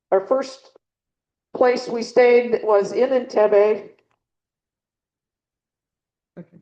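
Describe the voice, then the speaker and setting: A middle-aged woman with a warm, medium-pitched voice gives a casual slide talk to a birding club, rambling with lots of ums and restarts. She's in a meeting room before a small audience, speaking into a handheld or clip mic whose battery is dying, so the highs are cut off.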